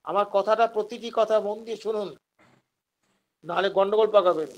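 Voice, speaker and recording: A man's voice: sits high, a little fast, a little mellow, low-quality recording. A man with a Bengali accent giving an online lecture on homeopathy, explaining patiently and asking questions that he then answers himself. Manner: acts out quoted patients in a raised voice. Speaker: homeopathy teacher.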